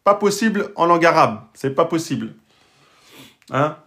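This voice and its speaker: A man's voice: a little high, lively intonation, bright, forceful tone. A man teaching the Arabic alphabet and Quran reading rules, patiently sounding out words and checking in with his learners. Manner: patient, checks in often with "d'accord?" and "hein?"; sounds out Arabic words slowly and repeats them. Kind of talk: explanatory lesson to French-speaking learners.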